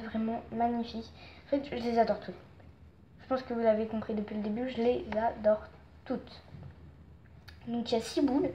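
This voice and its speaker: A woman vlogger chatting casually and excitedly as she shows off her collection, rambling with fillers and gushing over each item. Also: a little high. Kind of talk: casual show-and-tell chat. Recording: dull lo-fi sound with faint noise.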